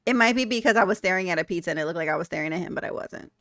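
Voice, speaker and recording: A woman's voice: lowish voice, racing, fairly bright tone, dry recording, studio quality. A young woman streaming live, chatting candidly with her viewers, blunt and laughing often. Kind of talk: casual chat reading viewer comments.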